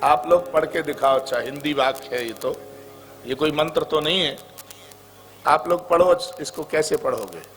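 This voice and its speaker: A man's voice: fairly high pitch, moderate pace, fairly bright tone. A man from the Braj region preaching a devotional sermon, telling stories, chanting repeated words and singing verses to his listeners. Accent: Braj Hindi. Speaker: kathavachak preacher. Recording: music playing behind.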